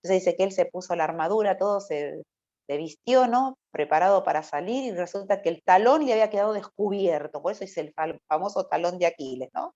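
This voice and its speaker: A woman's voice: on the low side, brisk, dark tone. Woman preaching with a River Plate accent. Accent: Rioplatense Spanish. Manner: conversational, often asks "¿no?". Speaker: youth preacher. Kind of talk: sermon. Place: church. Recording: dull lo-fi recording.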